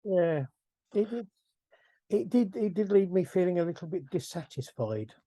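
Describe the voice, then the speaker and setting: A man's voice: high-pitched, animated, moderate pace, dark tone, dry recording. A middle-aged man hosting a casual film review podcast, rambling, chuckling and correcting himself as he goes. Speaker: podcast host.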